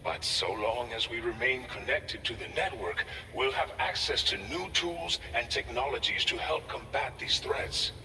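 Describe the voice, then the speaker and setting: An actor playing an earnest, grateful outpost staffer in a video game, speaking in a measured, formal way from a distance with reverb. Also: male voice, medium pitch, bright, forceful tone. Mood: earnest, concerned. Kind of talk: scripted video game dialogue. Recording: distant, long reverb, faint noise.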